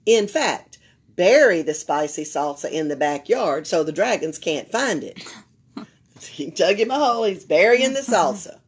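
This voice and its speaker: At a library table indoors, an older Southern woman from Alabama reads a children's picture book as the library's storyteller, pausing to comment to the young listeners. Her slightly raspy voice is fairly low and expressive.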